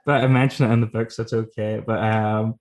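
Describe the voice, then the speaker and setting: A man's voice: on the low side, flat delivery, fairly quick, a little mellow. A man, chatting casually as a guest author, telling rambling, self-deprecating, sweary anecdotes. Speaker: guest author telling stories from his book.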